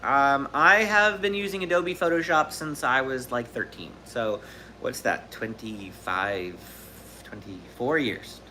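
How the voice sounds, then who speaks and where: At a measured pace, the thirtysomething Southern California host sounds medium-pitched, pushed and bright. His live question-and-answer stream is casual and rambling, marked by fillers and restarts, with a little background noise.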